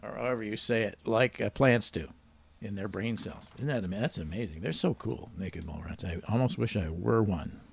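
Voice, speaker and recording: Gravelly-voiced wisecracking man hosting a quiz. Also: on the low side, brisk. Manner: wisecracking, teasing. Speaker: quiz show host. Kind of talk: joking quiz banter.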